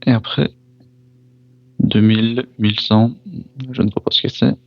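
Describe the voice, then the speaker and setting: A man calmly names trading cards one by one as he opens packs, now and then saying he wanted one, or excusing his pronunciation. His voice sits low. The sound is dry and slightly dull, like a simple home setup. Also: gravelly, no room sound. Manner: reads card names one by one, pausing to react; apologizes for mispronouncing foreign names. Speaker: card pack opener. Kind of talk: casual card opening commentary.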